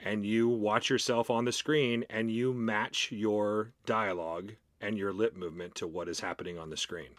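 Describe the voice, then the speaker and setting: A man's voice: fairly low pitch, fairly even intonation, moderate pace, few pauses, dry recording, studio quality. A man guesting on a podcast as an actor, telling anecdotes in a casual, friendly and self-effacing way. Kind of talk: casual anecdotal interview chat.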